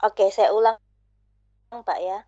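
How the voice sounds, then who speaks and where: A woman asking a question during an online webinar. Her voice comes through a bad connection that keeps breaking up, with the pitch and loudness jumping. She talks haltingly and repeats herself. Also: fairly even intonation, no echo, highs cut off. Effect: choppy, breaking-up call audio with jumping pitch and level. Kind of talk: online video-call Q&A. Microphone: device on an online call.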